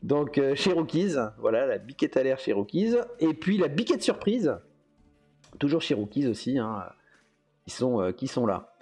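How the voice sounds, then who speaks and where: A man's voice: mid-range voice, very animated, moderate pace, mellow, slightly rough, faint music behind. A man hosting a casual livestream, rambling through his talk with hesitant fillers and frequent chuckles. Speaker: host.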